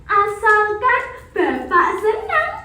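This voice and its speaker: A woman's voice: extremely high pitch, wildly swooping pitch, takes it slowly, pushed and bright, exaggerated voice. A woman playing a servile, giggly underling in a theatrical monologue, drawing out words to please the boss. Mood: fawning. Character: fawning, obedient underling eager to please the boss. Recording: very echoey stage recording.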